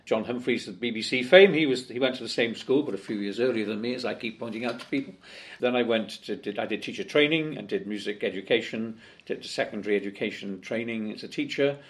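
An older Welshman speaks quickly in a voice on the low side, a guest in a conversational interview held in an office in Parliament. He is chatty, full of fillers and restarts.

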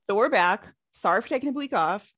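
A woman co-hosts a podcast, chatting casually and telling animated stories with some swearing. Her medium-pitched voice is brisk, recorded with clean studio sound and no echo.

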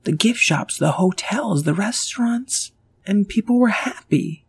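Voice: medium pitch, animated, unhurried, breathy edge, pitched above the performer's own voice, heavily acted. A storyteller voicing a spirited, eager young adventurer girl in a storybook tale.

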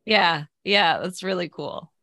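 A woman's voice: lowish voice, slow, vocal fry, bright, forceful tone, no room sound, studio quality. A woman interviewing a guest, affirming and supportive in her responses. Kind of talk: interview questions.

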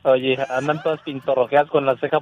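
A man's voice: mid-range voice, flat delivery, brisk, muffled recording, soft background music. A man calling in to a radio show, gossiping casually about his relatives between laughs. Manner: shy at first, then gossipy and laughing. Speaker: caller. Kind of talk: casual call-in chat.

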